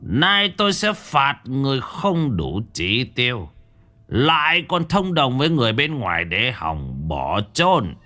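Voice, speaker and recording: A man voicing a pompous middle-aged crime boss who speaks slowly and loudly. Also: wildly swooping pitch, heavily acted. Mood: menacing. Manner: slow, booming, measured.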